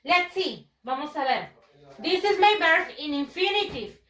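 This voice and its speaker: Woman, teacher for kids, bright and deliberate, roomy sound. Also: extremely high pitch, lively intonation, distant mic. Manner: patient, repeats words slowly and switches between English and Spanish. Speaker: English teacher. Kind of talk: recorded online class for children.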